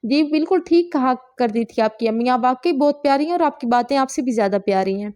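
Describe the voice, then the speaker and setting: Brief: female narrator, high-pitched, steady audiobook read, voices all roles herself. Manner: reads all characters in one steady voice. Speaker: novel narrator. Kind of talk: scripted narration of a romance novel.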